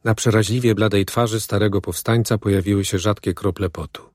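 Brief: male reader, steady literary narration, lowish pitch, dry studio sound. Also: fairly quick, dry recording. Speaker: audiobook reader.

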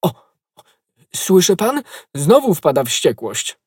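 A man's voice: mid-range voice, moderate pace, darkish tone, no room sound, studio quality, close to an everyday voice. A man voicing a frightened innkeeper in an audiobook, talking in an anxious, pleading way. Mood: distressed. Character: frightened male innkeeper, wringing his hands. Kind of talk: audiobook role.

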